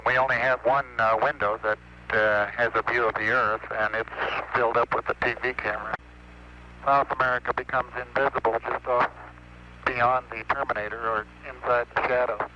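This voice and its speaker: A man, an astronaut, gives a halting technical report over a breaking-up radio link from space, pausing on many uhs. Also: medium pitch, little pitch movement. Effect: crackling, breaking-up radio link from space. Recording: noisy distant archival radio transmission.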